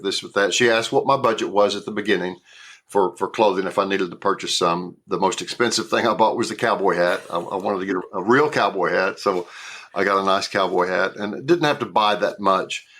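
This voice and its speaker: A Southern US actor in his sixties talks casually as an interview guest, often repeating words and restarting. His deep, slightly bright voice keeps a fairly even intonation at a slightly fast pace.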